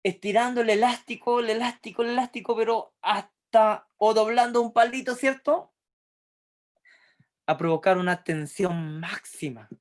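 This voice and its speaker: A woman's voice: on the high side, normal speed. A middle-aged woman with a Chilean accent teaches a Bible lesson, asking her group questions and acting out the lines of the story. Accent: Chilean Spanish.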